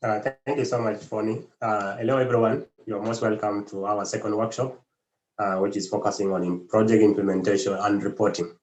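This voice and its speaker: Guy running an online workshop, kinda low voice, lots of uhs, echoey room. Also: steady tone, a little fast, darkish tone. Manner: hesitant, many fillers. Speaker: workshop facilitator.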